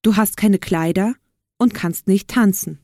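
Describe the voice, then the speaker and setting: A stern, cold stepmother from a fairy-tale storybook, as a woman reader puts her on, curt and dismissive. Her voice stays warm and unhurried in tone, recorded dry and close. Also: mid-range voice, no echo.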